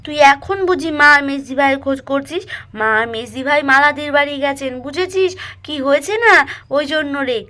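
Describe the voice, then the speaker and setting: Casting: woman doing a brisk, teasing young wife, high and bright. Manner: teasing, questioning. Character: middle daughter-in-law, teasing and brisk.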